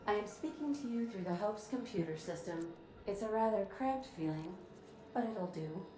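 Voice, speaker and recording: A woman's voice: medium pitch, expressive, normal speed, mellow, faint music behind, close to an everyday voice. A woman voicing a polite female ship's computer AI that speaks in dry, precise, machine-like phrasing. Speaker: ship's artificial intelligence. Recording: roomy game audio with background noise.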